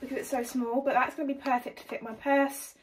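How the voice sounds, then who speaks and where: A woman's voice: high voice, quick pace, rough recording. Bubbly young English woman vlogging. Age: young adult. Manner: bubbly, chatty, energetic. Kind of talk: casual haul vlog. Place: bedroom under a ring light.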